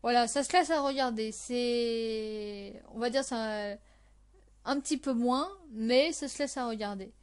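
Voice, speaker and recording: A woman's voice: a little high, measured pace, smooth. Hesitant young woman, chatty podcast. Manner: hesitant, many fillers and restarts. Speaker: podcast host. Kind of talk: casual chat about favourite series.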